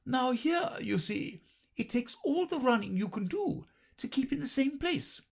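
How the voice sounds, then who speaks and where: A man voicing a brisk, imperious queen chess piece who cries out orders in a shrill, commanding way. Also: very animated, gravelly, breathy edge, exaggerated voice.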